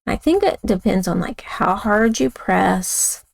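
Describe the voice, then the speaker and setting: A woman with a raspy voice, chatting casually as she demonstrates a card-making craft and talks while she works. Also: medium pitch, animated, slow pace, no echo. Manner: chatty, talks while working with hands, self-correcting. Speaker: craft instructor.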